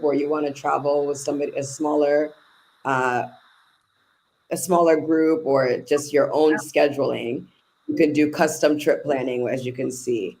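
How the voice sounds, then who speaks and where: A woman's voice: low voice, dark tone, low-quality recording. A woman managing travel bookings, explaining trip options in a casual interview, listing details with fillers.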